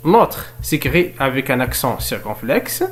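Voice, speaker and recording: A man teaching a French spelling lesson in another language, explaining step by step, asking and answering his own questions, and dictating examples slowly. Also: mid-range voice, sing-song.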